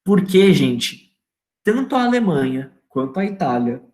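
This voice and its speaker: A Brazilian-accented history teacher talks through a lesson in a loose, slangy way, often asking the students questions. The voice sits at a middling pitch. The room around it rings with echo. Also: sing-song, measured pace, a little mellow. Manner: informal and slangy, asks students rhetorical questions. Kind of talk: casual online history lecture. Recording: echoey room.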